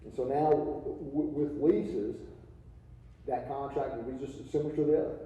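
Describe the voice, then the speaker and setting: A man's voice: mid-range voice, steady tone, moderate pace, warm tone. A man presenting an accounting seminar, talking informally with jokes, asides and many restarts. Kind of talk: live continuing-education lecture. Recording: echoey hall, distant mic, dull lo-fi.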